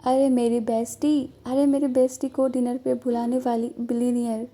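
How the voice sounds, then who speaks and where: Give me a woman playing a bubbly, teasing young best friend with a high, mellow voice. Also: little pitch movement, normal speed, close to an everyday voice. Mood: teasing, excited. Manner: dramatic, teasing.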